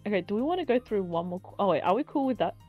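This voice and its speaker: A woman hosting a casual podcast chat, excitable and laughing often. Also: mid-range voice, racing, slightly rough, narrow, tinny audio, soft background music. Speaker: podcast host.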